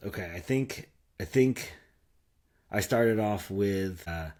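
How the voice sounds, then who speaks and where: A man's voice: on the low side, takes it slowly, a little mellow. A man in his thirties co-hosting a podcast, chatting casually and rambling with lots of fillers. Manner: laid-back, rambling with fillers. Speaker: podcast co-host. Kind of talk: casual chat. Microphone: podcast microphone.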